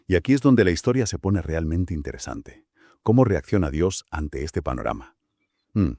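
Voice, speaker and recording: Deep-voiced man, measured. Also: warm tone, slightly rough, dry recording, clean studio sound. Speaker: podcast co-host. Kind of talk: scripted conversational Bible study podcast.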